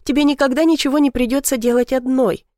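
A woman voicing a tender, adoring young boyfriend in a read-aloud story, speaking softly and slowly to reassure. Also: high voice, fairly even intonation, dry recording, studio quality, voice pushed up, close to an everyday voice.

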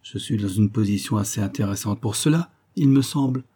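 As a man reads from a storybook, he voices a wounded colonel earnestly and warmly pleading his case from a sickbed. The voice is dark and husky, low in brightness and clarity, and fairly quick.

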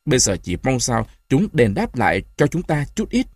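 A hoarse, hot-tempered old grandfather, put on by a male audiobook narrator, shouting in sudden bursts of rage and then turning bitter and tearful. His voice swings widely in pitch and rises sharply when he yells. The storybook recording is close and dry. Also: wildly swooping pitch, moderate pace, no echo. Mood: sobbing.

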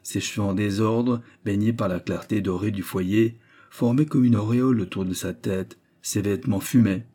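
A man narrating a classic novel as an audiobook, in measured, even storytelling. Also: on the low side. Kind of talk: scripted literary narration.

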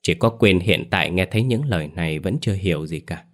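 A man narrating a ghost story in a steady, dramatic reading voice. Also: low voice, fast talker.

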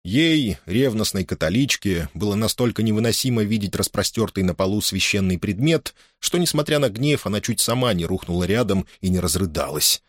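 A man narrating a historical novel in an expressive, dramatic reading style. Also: lowish voice, fairly quick, few pauses, no echo, clean studio sound. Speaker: audiobook narrator. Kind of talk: scripted narration.

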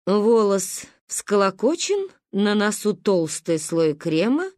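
A woman's voice: medium pitch, very animated, slow pace, darkish tone, no echo, studio quality. Woman doing a caustic old grandmother. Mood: tart. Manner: caustic, cutting. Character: sharp-tongued old grandmother, sarcastic and imperious.

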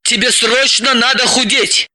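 A man's voice: very high voice, fairly even intonation, measured pace, bright, forceful tone, dry recording, voice pushed up, heavily acted. A man reading an audiobook, voicing a bossy, sardonic woman psychoanalyst who gives orders and mocks.

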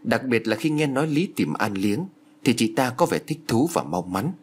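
A man narrating a ghost story in an expressive storytelling manner. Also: mid-range voice, moderate pace, slightly rough.

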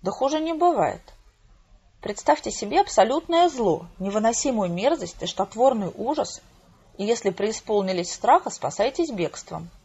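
A woman voicing a calm, knowing male agent in an audiobook, dry and matter-of-fact, in a dull lo-fi recording. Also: fairly high pitch, normal speed, husky, heavily acted.

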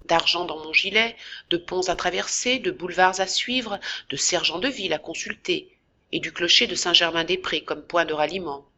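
A woman narrating a classic novel in a measured, expressive audiobook reading. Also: lowish voice, muffled recording. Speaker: audiobook reader.

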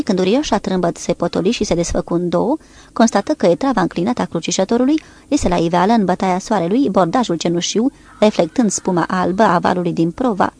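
In a voice on the low side, a woman narrates a naval war novel as an audiobook. Her reading is steady and measured, rising slightly when she voices the characters' lines.

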